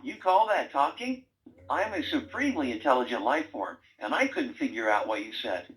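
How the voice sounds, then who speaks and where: A man's voice: mid-range voice, big pitch swings, moderate pace, a bit bright, poor audio. A man voicing a wisecracking male talking brain robot toy that teases its owner and gives quiz-style prompts. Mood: teasing. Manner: sarcastic, teasing, bossy quiz-style prompts. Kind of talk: toy voice lines.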